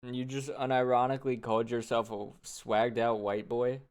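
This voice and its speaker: Dude cohosting, smooth clear voice, blunt and kinda incredulous, slangy. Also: male voice, medium pitch, flat delivery, normal speed. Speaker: co-host reacting. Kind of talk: casual reaction commentary.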